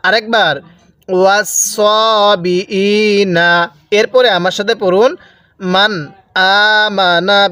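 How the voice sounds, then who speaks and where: Man, Bangladeshi accent, Quran reading teacher, drawn-out recitation, fairly high pitch, dry close sound. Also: dry recording. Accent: Bangladeshi Bengali. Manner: drawn-out recited words between quick explanations. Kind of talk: slow spelled-out Quran reading lesson.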